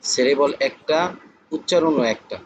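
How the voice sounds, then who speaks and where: A man teaching a classroom lesson, explaining slowly and repeating each point. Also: fairly high pitch, fairly even intonation, a little hiss or hum, poor audio. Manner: slow, repetitive explaining.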